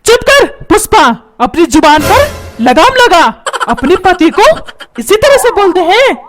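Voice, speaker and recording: A woman's voice: very high-pitched, very animated, unhurried, very noisy, full character voice. A woman voicing a grumpy, put-upon old husband and father who scolds and complains. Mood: scolding. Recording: music playing behind.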